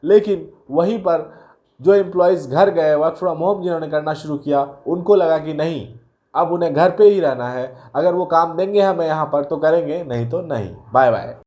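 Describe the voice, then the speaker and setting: High-voiced man explaining casually. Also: normal speed, dark tone. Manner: chatty, addresses viewers as guys, mixes in English terms. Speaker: career video host. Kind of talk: casual explainer talk to viewers.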